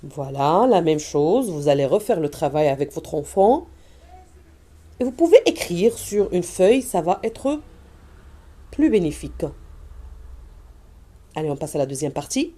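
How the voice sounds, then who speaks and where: A woman teacher walking parents through an early reading lesson, modeling vowels and words slowly for children. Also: low-pitched, sing-song, warm tone.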